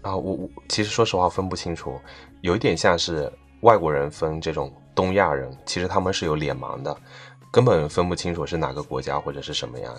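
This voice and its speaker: A man's voice: rumbling low, a little fast, breathy edge, faint music behind. A man chatting casually as a podcast co-host, often repeating the openings of his sentences. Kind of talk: casual chat.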